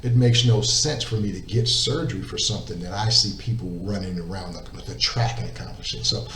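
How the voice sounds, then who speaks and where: Here a middle-aged interview guest recounts his faith in an earnest testimony, his low voice a little fast and fairly bright in tone. He is emphatic, repeating words and tossing in "right?". The audio has roomy echo, a distant mic, and faint background noise.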